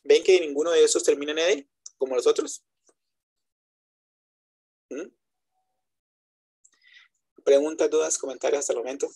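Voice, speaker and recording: Teaching English in a web conference class, a man lectures step by step in Spanish, gives examples in English, and frequently checks that his students follow. His voice is fairly high and darkish, with fairly even intonation, normal speed, and long pauses.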